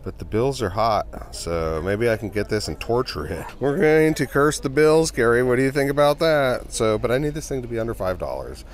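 In a mid-range voice, a man talks expressively at normal speed with hardly any pauses. He's a reseller browsing a flea market for a casual walkaround vlog, chatty and upbeat with "you guys," his viewers.

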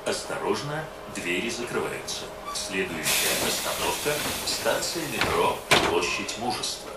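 A man's voice: low-pitched, expressive. Man's announcement over a trolleybus PA. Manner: formal, measured announcer delivery. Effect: played over a trolleybus PA loudspeaker. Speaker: recorded transit announcer. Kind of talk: prerecorded stop and safety announcements. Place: inside a moving trolleybus. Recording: echoey, distant, noisy vehicle recording. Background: loud vehicle noise.

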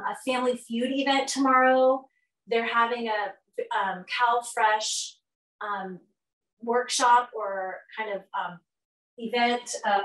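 This is a nutrition educator, a middle-aged woman, leading a live cooking class at home; she chats brightly, hurries, uses many fillers, and shifts around the stove. Her voice is a little high and a bit bright. A laptop or fixed camera placed across the kitchen gives the recording a roomy, far-off quality.

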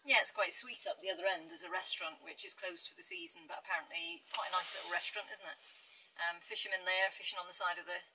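A woman's voice: on the low side, fast, recorded from a distance. Middle-aged woman, chatty sailing vlogger, off-mic, heavy boat noise. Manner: chatty, tags questions onto statements. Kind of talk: casual chat. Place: outdoors on a sailboat deck.

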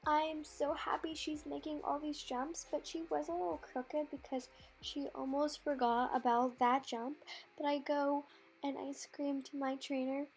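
Brief: female vlog narrator, high and chatty, rambling, soft music underneath. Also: level tone, unhurried. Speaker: vlogger narrating her riding lesson. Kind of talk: casual voice-over narration.

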